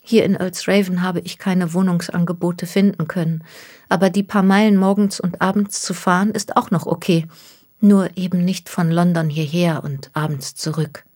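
A woman's voice: lowish voice, fairly even intonation, normal speed, darkish tone, husky. Woman voicing a distraught young woman near tears. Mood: earnest. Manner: pleading, close to tears. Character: young woman, distraught, stranded by a cruel hoax.

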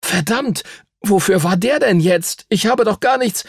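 A man's voice: fairly high pitch, very animated, moderate pace, vocal fry, slightly rough, no echo, clean studio sound, pitched above the performer's own voice, full character voice. A male audiobook narrator voicing an earnest, level-headed young boy. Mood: defensive. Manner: reasonable, a bit defensive. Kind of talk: audiobook character voice.

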